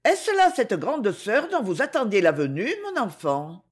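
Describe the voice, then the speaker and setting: A wealthy older aristocratic lady, voiced by a woman reading a novel aloud, speaks with polite, faintly condescending formality. Her voice sits higher than the reader's own and moves with lively rises and falls. A breathy, husky edge runs through it. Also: unhurried, exaggerated voice. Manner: banal, slightly condescending politeness.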